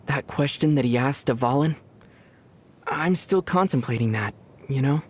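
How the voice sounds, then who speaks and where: An actor playing a young male wandering traveler in a video game, calm, thoughtful and soft-spoken. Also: medium pitch, a little slow, breathy edge. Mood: reflective.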